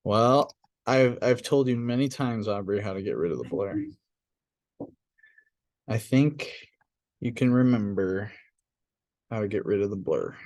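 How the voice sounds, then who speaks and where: A young male teacher talks a class through an editing program at an unhurried pace. His manner is casual and a bit sheepish, with fillers and quick chuckles. The sound is dry, with no room echo. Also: fairly low pitch, animated, darkish tone. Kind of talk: classroom software tutorial.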